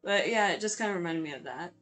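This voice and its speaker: A woman with a slightly low voice narrates her video in an informal, chatty style. She is hesitant and self-deprecating, often apologetic in the way she talks. Music plays behind her voice. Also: lively intonation, fast, a bit bright. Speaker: video creator hosting a drawing speedpaint. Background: background music.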